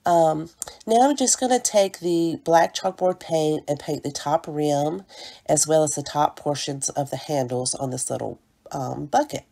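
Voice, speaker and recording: A woman's voice: low-pitched, normal speed, vocal fry. A woman narrating a home decor craft tutorial step by step, sounding stuffy from a cold, with friendly asides to her viewers. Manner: gentle step-by-step explaining, chatty asides to viewers. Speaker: DIY home decor creator.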